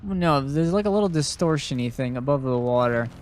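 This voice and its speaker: A man's voice: medium pitch, expressive, brisk. A young man casually commentating a video game, chatty and swearing freely, reading game notes aloud. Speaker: let's play host. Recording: faint background noise.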